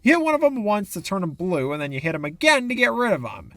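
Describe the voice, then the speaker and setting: A man's voice: high voice, huge pitch swings, fast talker, fairly bright tone, no room sound. A man giving sarcastic, exasperated commentary for a video game review essay, into a close mic.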